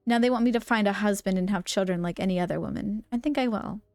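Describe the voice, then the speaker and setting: A woman's voice: mid-range voice, quick pace, no echo. Streamer woman reading letters aloud. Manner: expressive, reacts with gasps and laughs. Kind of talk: let's play commentary, reading notes and letters aloud.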